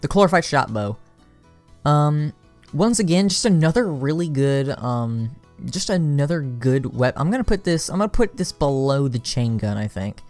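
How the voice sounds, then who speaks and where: A tired video creator rambling casually through a game tier list, full of ums, restarts and sudden bursts of excitement. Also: medium pitch, normal speed, soft background music.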